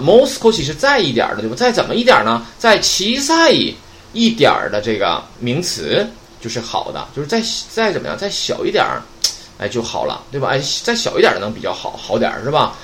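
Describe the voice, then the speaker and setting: Lively, questioning male language teacher. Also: on the high side, quick pace. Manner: asks rhetorical questions, frequent "对吧" checks. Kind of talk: grammar lesson explanation.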